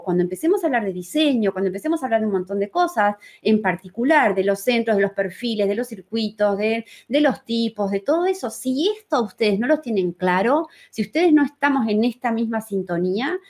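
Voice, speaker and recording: Speaking fairly quickly with few pauses, a Uruguayan-accented woman gives a live, conversational human design lesson. Her slightly high voice is expressive and a little mellow, and she repeats phrases for emphasis while frequently checking in with her audience.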